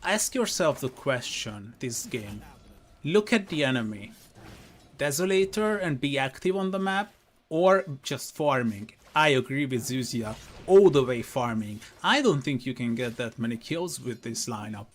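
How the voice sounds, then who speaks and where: A man's voice: medium pitch, animated, measured pace. Chatty male esports caster. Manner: chatty, self-correcting, talks straight to viewers. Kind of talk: live game commentary.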